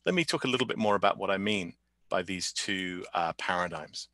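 Over a video call, a man presents a webinar for language teachers as a teacher trainer, sounding friendly and thinking aloud with fillers and repeated words. His voice is deep and fairly bright, his delivery brisk, and his English accent is not Canadian.

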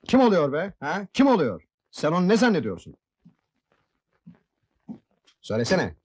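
An actor playing a hot-tempered, blustering husband, in old film acting. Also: male voice, mid-range voice, expressive, brisk, a little mellow, slightly rough. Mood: angry. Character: hot-tempered husband who wants no one meddling in his affairs. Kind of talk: 1960s Turkish film acting.

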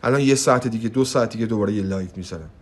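A young man teaching English online in a livestream. He talks in a brash, hyped way, swears freely, and drops in slow, emphatic English phrases. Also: on the low side, husky. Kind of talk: energetic livestream pitch and Q&A.

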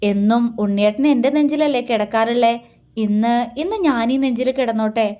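A woman voicing an affectionate, playful young wife who coaxes and teases gently. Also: on the high side, brisk, lightly acted. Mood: loving. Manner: coaxing, sweet and teasing.

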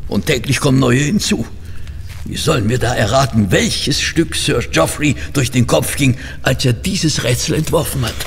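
An actor playing a courteous, sceptical doctor, the detective's loyal companion, in a German audio drama. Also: male voice, medium pitch, normal speed, slight background noise, close to an everyday voice. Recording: long hall reverb.

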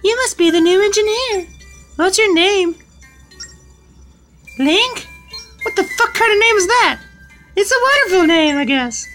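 A man reading game dialogue in a high falsetto as a bossy, sly young princess, tossing in swearing asides. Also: expressive, a little slow, long pauses, sharp tone, soft background music, exaggerated voice. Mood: playful regal.

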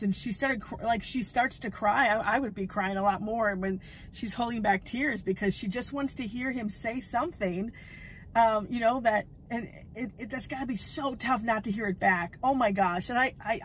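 A woman vlogger in casual chat, gushing and chatty, often breaking into excited exclamations. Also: mid-range voice, normal speed, slight background noise, low-quality recording. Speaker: vlogger recapping a reality show.

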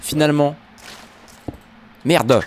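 A man's voice: a little high, takes it slowly, slight background noise. A man giving casual, jokey commentary over Minecraft play, talking straight to his viewers. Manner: yelps when startled. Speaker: Minecraft YouTuber.

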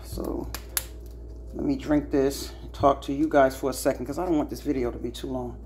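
A woman's voice: very deep voice, fairly even intonation, moderate pace, a little mellow, a little hiss or hum. A woman in her forties filming a casual vlog at home on a phone held at arm's length, chatting to the camera as she gets ready. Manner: chatty, self-motivating, talks to the camera while doing chores. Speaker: vlogger. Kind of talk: casual self-filmed vlog. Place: home, bedroom then kitchen.

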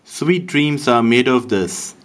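A man with a Pakistani accent demonstrates a phone app, offering chatty, amused commentary on its responses as he goes. His voice is medium in pitch with lively intonation, and he takes it slowly.

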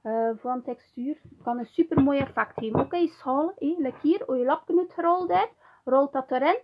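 A chatty Flemish woman teaches a pottery class in a high, bright-toned voice. She talks loosely and keeps checking in with a quick "hè" after almost every phrase. The sound is a bit dull and lo-fi. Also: background noise. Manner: chatty, tags nearly every sentence with "hè". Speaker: ceramics teacher. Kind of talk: hands-on pottery tutorial.

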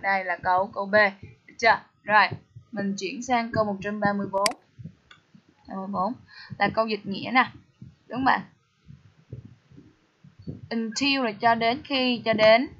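A woman's voice: medium pitch, a bit bright. Woman teacher, test walkthrough, questioning, slightly dull lo-fi audio. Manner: keeps asking the listener questions. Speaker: English teacher. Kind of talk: TOEIC test walkthrough lesson.

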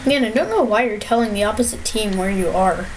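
A woman giving gameplay commentary, excitable and full of trash talk. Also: medium pitch, fast talker, a little hiss or hum, rough recording. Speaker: gamer.

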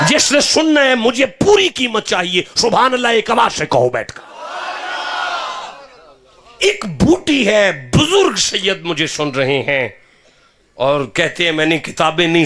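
A man with a Pakistani Punjabi accent preaching a sermon at a live religious gathering. He questions his listeners and builds up to fervent shouting. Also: high-pitched, background noise.

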